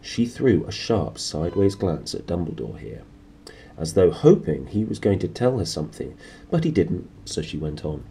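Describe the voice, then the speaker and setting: A man reading a children's story aloud in an expressive narrating style, as a storyteller would. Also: low voice, moderate pace, creaky, a little hiss or hum. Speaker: storybook reader.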